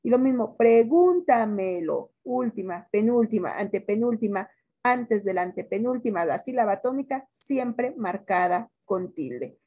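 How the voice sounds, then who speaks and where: This Mexican-accented teacher speaks in a mid-range, dark voice with a breathy edge, and the recording has its highs cut off. She draws her words out slowly during the lesson and puts questions to her class.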